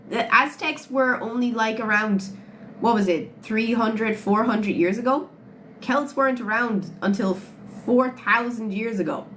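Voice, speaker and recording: A woman in her late twenties with an Irish accent and a medium-pitched, slightly bright voice chats casually on a phone livestream. The recording is low quality with audible background noise, and she answers viewers bluntly, swearing freely.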